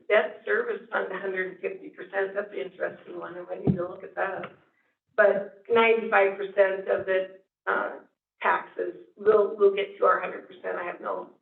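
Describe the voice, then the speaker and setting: In an echoey room, recorded far from the microphone on a thin, lo-fi line, a woman reports on finances to a school board as the district's finance officer. Her voice is medium-pitched and creaky, and she talks plainly, using fillers while thinking aloud.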